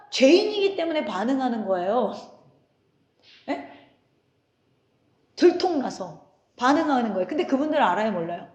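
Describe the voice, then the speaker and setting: High-voiced woman pastor, echoey church. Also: darkish tone. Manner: conversational, asks the congregation questions, tells anecdotes with laughter. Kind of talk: sermon. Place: church sanctuary.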